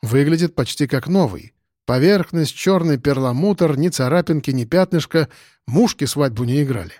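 A man's voice: fairly high pitch, lively intonation, moderate pace, darkish tone, dry recording. A man narrating an audiobook in a stern, dry, matter-of-fact first-person manner.

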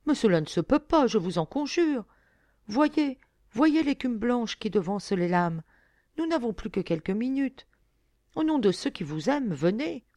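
A brave young fisher girl, earnest and pleading, as a woman reads her aloud in a storybook. Her voice climbs high and swings widely, heard close and dry. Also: animated, moderate pace, warm tone, dry recording, lightly acted.

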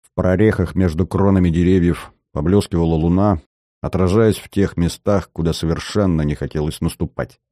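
Deep, dark-voiced male narrator. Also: no echo, studio quality. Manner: measured, even storytelling. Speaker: audiobook narrator. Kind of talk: scripted narration.

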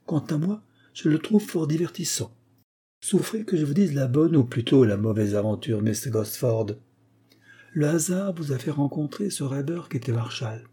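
A man voicing a composed, ironic gentleman who calmly lays out a swindler's fraud in a spoken story. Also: mid-range voice, slightly rough. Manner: calm, pointed, unhurried accusation.

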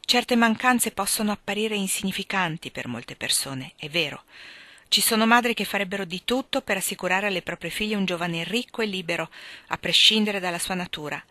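A woman's voice: mid-range voice, a little fast, pushed and bright, dry recording, close to an everyday voice. A woman reading aloud, voicing a stern, worried older aunt who questions her niece reproachfully.

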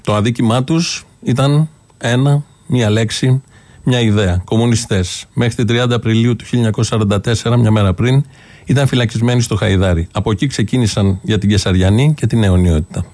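A man narrating a documentary in a solemn, measured way. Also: on the low side, darkish tone.

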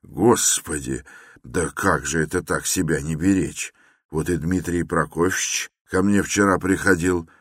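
A man's voice: sits low, measured pace, husky, dry recording, studio quality. A man voicing a fussy, fawning middle-aged police investigator who clucks and keeps adding polite little endings to his words. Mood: coaxing, chatty.

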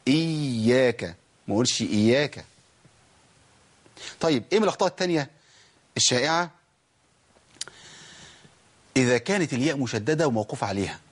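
A man with an Egyptian accent teaching Quran recitation, who asks the class questions, answers them himself, and draws out example words slowly. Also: medium pitch, expressive, husky. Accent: Egyptian Arabic. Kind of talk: tajweed lesson.

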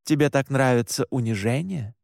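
A man's voice: mid-range voice, normal speed, gravelly, a little mellow, no room sound, studio quality, natural voice. A man reading an audiobook and voicing a cold, disciplined, mocking younger brother.

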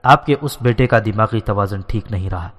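A man voicing a young prince who calmly coaxes his mother, in a storybook reading. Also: fairly low pitch. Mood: coaxing. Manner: soothing, coaxing. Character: young prince, calm protective son. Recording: long hall reverb.

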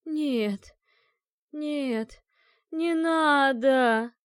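Woman reading as a frightened ghost of a dead lady, hoarse and moaning, pitched up high, audiobook. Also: animated, slow, mellow, dry recording, clean studio sound, exaggerated voice. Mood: terrified. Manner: hoarse, moaning, panicked pleading.

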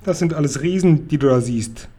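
A man's voice: fairly high pitch, fairly quick, warm tone, pitched above the performer's own voice, lightly acted. A man doing Guri, a kind word-mangling giant. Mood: earnest. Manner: mangles words, folksy and good-natured. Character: kind big friendly male giant. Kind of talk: bedtime story reading.

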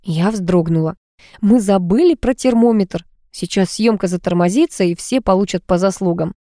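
A woman narrating a novel aloud, expressive and lifting her voice for the characters. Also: moderate pace, no room sound, clean studio sound. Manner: expressive, lifts pitch for quoted characters. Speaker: audiobook narrator.

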